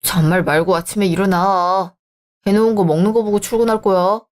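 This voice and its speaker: A woman voicing a bossy married man who pushes and scolds in a lowered voice. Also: steady tone, fairly quick, a little mellow, lightly acted. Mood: coaxing. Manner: pushy, scolding, lower-pitched. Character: bossy married man, sister-doting husband.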